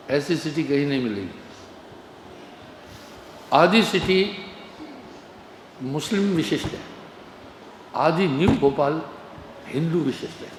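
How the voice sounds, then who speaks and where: A man's voice: on the high side, a little hiss or hum. A man giving a sermon as a spiritual teacher, telling stories with humor. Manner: relaxed storytelling with humor. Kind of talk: sermon with anecdotes. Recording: echoey hall with long reverb.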